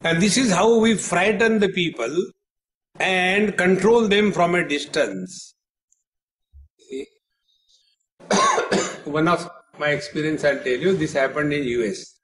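A man's voice: sits high, sing-song, slow pace, pauses often, a bit bright, a little hiss or hum. A man, a spiritual teacher, giving a retreat discourse with humorous storytelling and acted dialogue to a live audience.

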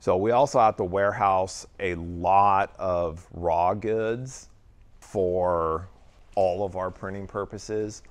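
A man's voice: sits low, steady tone, slow pace, no room sound. A middle-aged man on a tour of a print facility, eagerly explaining each step of the machines and the operation. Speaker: print and mail manager. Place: large warehouse and print floor indoors.

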